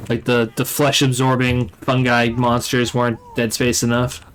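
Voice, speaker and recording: A man's voice: medium pitch, monotone, moderate pace. A man giving casual, conversational commentary as a let's play host. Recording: game noise behind the voice. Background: video game sound.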